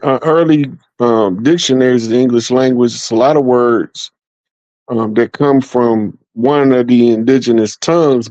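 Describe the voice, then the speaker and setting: A man's voice: mid-range voice, warm tone, no echo. Man, casual talk, explanatory with lots of ums, dry slightly muffled recording. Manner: explanatory, with many "um" pauses. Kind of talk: casual discussion. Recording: dry, slightly dull audio.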